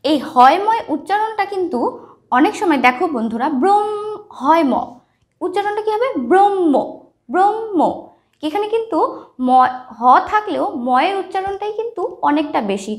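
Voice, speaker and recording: A woman's voice: very high-pitched, expressive, brisk. A woman teaching a lesson, explaining step by step and checking often with the listener. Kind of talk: lesson on writing and pronunciation.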